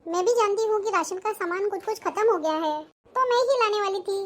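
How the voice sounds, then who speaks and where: High pitched elder sister-in-law played by a woman, patient but fussy, mutters to herself, family drama. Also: fairly quick, fairly bright tone, slight background noise. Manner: fussing, complaining to herself. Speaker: actor.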